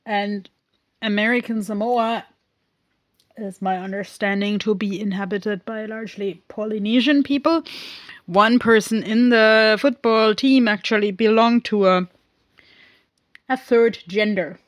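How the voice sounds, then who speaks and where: A film reviewer, a woman speaking English as a second language, recaps a movie in a casual, rambling way, full of pauses, fillers, and frequent tangents. Her voice is mid-range, and there's no echo.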